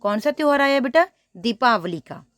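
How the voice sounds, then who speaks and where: Higher-voiced lady teacher, drags out each word for little kids, dry close sound. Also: animated, moderate pace, a bit bright, no echo. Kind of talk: primary school reading lesson.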